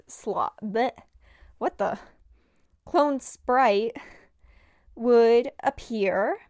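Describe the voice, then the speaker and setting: A young woman talks through her hobby game project in an unhurried, rambling way, full of fillers and self-deprecating asides. Her voice has a smooth, clear tone with a valley girl lilt. The recording is dry and close, with no room sound. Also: medium pitch, darkish tone, no room sound. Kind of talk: casual devlog narration.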